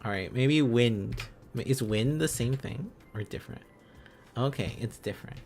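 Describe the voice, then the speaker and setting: A man's voice: mid-range voice, moderate pace, gravelly, a little mellow, soft background music. A man streaming a casual lesson, musing aloud and repeating phrases and syllables as he works out letters and words. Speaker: streamer learning Korean script on a live stream.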